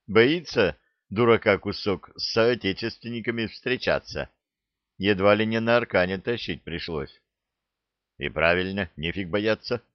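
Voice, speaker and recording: A man with a deep voice reads an audiobook at an unhurried pace, measured and even throughout. The sound is close and dry, a little dull and muffled. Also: no room sound. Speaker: audiobook narrator. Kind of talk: audiobook narration.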